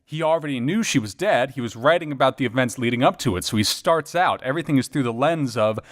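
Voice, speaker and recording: A man with a mid-range voice talks at a quick pace as a voice actor and editor on a podcast. He chats casually and reflectively about his acting work, rambling like a storyteller.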